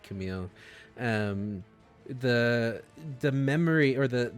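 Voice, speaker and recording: A man narrating as game master of a tabletop game, relaxed and often chuckling between ums. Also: on the low side.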